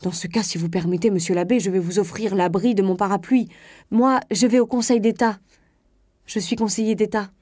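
A woman reading a story aloud, voicing a pompous, self-important male state official who talks loudly and eagerly. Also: mid-range voice, steady tone, fairly quick, no echo, studio quality, close to an everyday voice. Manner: boastful, bossy, loud and eager.

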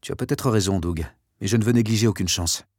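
A man's voice: on the low side, fast, darkish tone, husky, no room sound, studio quality. A man voicing an eager, insistent civilian chasing a solution, for an audiobook. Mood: earnest. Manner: insistent, intense. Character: eager determined male civilian, middle-aged. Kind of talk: audiobook character voice.

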